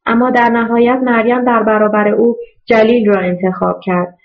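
A woman narrating a novel in a steady, even storytelling voice. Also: fairly high pitch, phone-quality sound. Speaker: audiobook narrator. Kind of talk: scripted narration.

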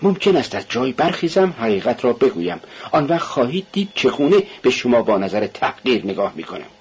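A man's voice: medium pitch, sing-song. A man voicing a feverish, suspicious young man under questioning, talking tensely and bitterly, brooding half to himself. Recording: dull lo-fi radio recording.

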